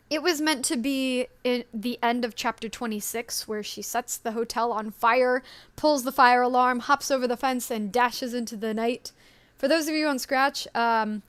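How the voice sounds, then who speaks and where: A woman with a fairly high voice chats loosely on a live stream, rambling along with plenty of ums and small laughs. Her voice sits close and dry on a home mic. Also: a bit bright, smooth, no echo. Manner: chatty and rambling, with frequent ums and little laughs. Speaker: story creator and stream co-host. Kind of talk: casual live-stream chat.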